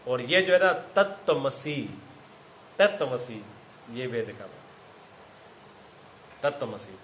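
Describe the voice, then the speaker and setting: A man's voice: medium pitch, big pitch swings, slow pace, fairly bright tone, echoey room, a little hiss or hum, rough recording. A man giving a spiritual discourse as a teacher, telling stories with acted quotes and repeating his phrases.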